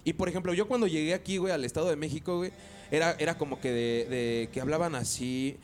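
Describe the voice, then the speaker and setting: A man from northern Mexico, host of a casual podcast chat, who talks loudly and peppers every phrase with crude slang. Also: a little high, very fast, a little hiss or hum. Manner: crude slang-heavy, says güey constantly; talks loud by habit.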